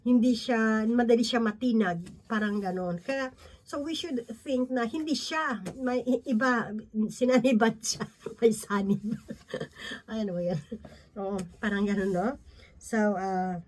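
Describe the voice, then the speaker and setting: Chatty woman preacher, higher voice. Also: a little slow, a little mellow. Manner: conversational, often tags lines with "no?" and "di ba?"; mixes English phrases into her talk. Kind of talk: Bible teaching talk.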